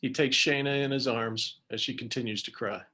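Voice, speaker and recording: A man reading stage directions in a plain, even way during a play reading over a video call. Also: medium pitch, normal speed.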